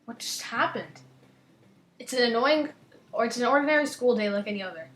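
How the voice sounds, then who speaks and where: A young woman with a slight lisp hosting a gaming channel, chatting casually and reading game text aloud, her lines often trailing off quietly. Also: fairly high pitch, lively intonation, brisk, roomy sound.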